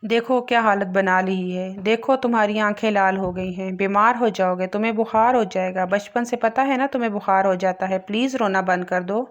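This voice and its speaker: A gentle young wife who soothes in a coaxing, motherly way, read by a woman narrator. The voice stays close to the reader's own, as in an audiobook. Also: medium pitch, moderate pace, few pauses, close to an everyday voice. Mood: soothing.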